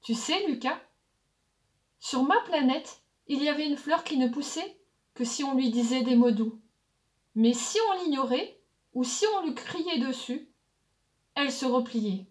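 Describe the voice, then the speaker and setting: A kind little creature from another planet, a soft-hearted storybook friend, as a woman reads him aloud. He speaks gently and reassuringly, in a high, slow, unhurried voice. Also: lively intonation. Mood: tender.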